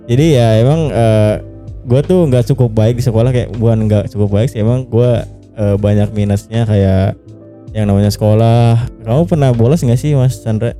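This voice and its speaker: A young man from Java with a mid-range, dark-toned voice hosts a podcast at normal speed, using casual slang as he teases, jokes and swears freely. Faint music plays behind him.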